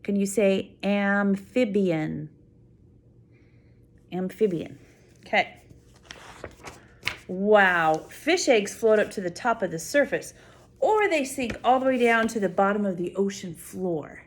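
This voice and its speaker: An older woman, a grandmother, reads a picture book aloud to children, slow and very animated, with a medium-pitched voice. She's expressive and full of wonder, offering simple explanations and spontaneous asides to a child. There's slight background noise.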